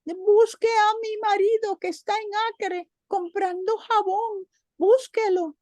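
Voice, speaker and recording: A woman's voice: very high-pitched, fairly even intonation, slow pace, darkish tone, no echo, voice pushed up, poor audio. A woman voicing a frantic female cricket wife in a storytelling performance, pleading and shrieking. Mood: panicked pleading.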